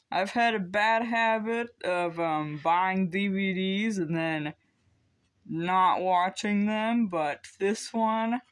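A man's voice: high-pitched, a bit bright. A teenage boy chatting casually as he unboxes secondhand discs at home, rambling with lots of ums. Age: teens. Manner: rambling, hesitant, many ums. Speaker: vlogger.

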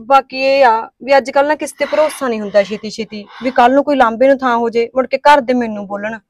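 A woman playing a quick, earnest young daughter-in-law. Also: fairly high pitch, darkish tone, no room sound, muffled recording, lightly acted. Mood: consoling. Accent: Punjabi. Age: young adult. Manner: quick, earnest, talks back. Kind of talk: village family drama acting.

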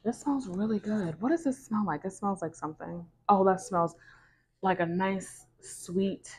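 A woman's voice: medium pitch, expressive, moderate pace, a little hiss or hum. A young woman savoring a smell in a casual first-impressions product review, lingering appreciatively over it. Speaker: candle reviewer. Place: room at home.

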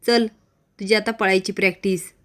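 A woman's voice: medium pitch, fairly even intonation, normal speed, natural voice. Brief: blustering older village patriarch and wrestler, scolding and bossy, read out by a woman narrator.

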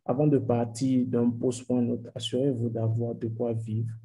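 Gravelly young man giving career advice. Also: medium pitch, little pitch movement, normal speed, warm tone, poor audio. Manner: earnest, advice-giving, repeats words. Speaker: panelist, tech hiring manager. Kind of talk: online panel discussion. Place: home room. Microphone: headset on video call.

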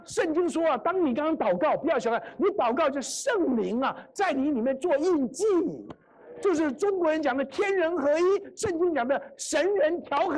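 A woman's voice: sits high, a little mellow. A middle-aged woman preaching a gospel sermon in a church meeting hall, telling a story and acting out its dialogue.

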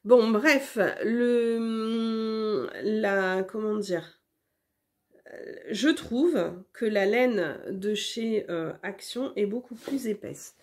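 Slow, hesitant woman chatting about knitting. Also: medium pitch, expressive, darkish tone. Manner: hesitant, many fillers and restarts. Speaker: knitting podcast host. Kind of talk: casual knitting vlog chat.

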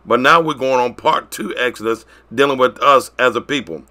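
Bright-voiced man preaching a sermon. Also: medium pitch. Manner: preaching, swinging between loud declarations and quiet drawn-out phrases.

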